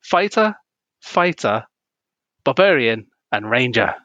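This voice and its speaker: Gaming-podcast co-host, young man, bright forceful tone, dry close sound, rants and jokes. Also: medium pitch, big pitch swings, slow pace, no echo, highs cut off. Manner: ranting, self-deprecating, laughs often. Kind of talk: casual gaming podcast chat.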